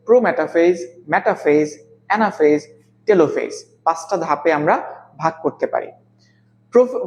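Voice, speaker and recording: A man teaching a live online biology class, speaking slowly and deliberately, repeating key terms and quizzing his students. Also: high-pitched.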